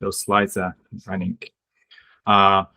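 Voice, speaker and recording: A man presents over a video call, speaking slowly and unhurriedly. His voice sits fairly low, and he hesitates often, restarting phrases as he goes. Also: monotone, sharp tone. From Lithuania. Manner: hesitant, many fillers and restarts. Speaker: guest speaker, sports medicine doctor. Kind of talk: webinar presentation.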